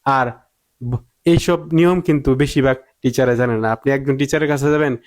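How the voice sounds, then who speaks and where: A man's voice: mid-range voice, fairly quick. A man teaching English pronunciation, repeating drill words again and again and answering his own questions. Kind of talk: spoken pronunciation lesson.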